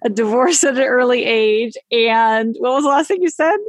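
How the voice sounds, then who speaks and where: A woman talking casually as a podcast guest, animated and chatty, often laughing as she gives parenting advice. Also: fairly high pitch, moderate pace, dry recording. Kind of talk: casual conversation.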